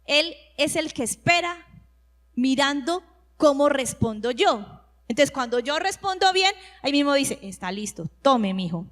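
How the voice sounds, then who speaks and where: A middle-aged woman, preaching a sermon in a lively storytelling way and acting out the people she quotes. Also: sits high, unhurried. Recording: long hall reverb.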